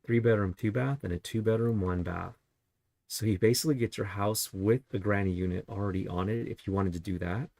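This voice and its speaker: A man's voice: fairly low pitch, brisk, vocal fry, darkish tone, no room sound. A man working as a real estate agent, casually talking through property listings in a chatty way and tossing out rhetorical questions. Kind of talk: casual market review while browsing listings.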